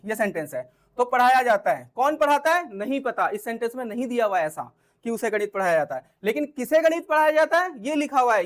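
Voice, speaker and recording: High-voiced woman explaining grammar patiently. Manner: explains step by step, often checks with the class; clears her throat now and then. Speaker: English teacher. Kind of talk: spoken grammar lesson.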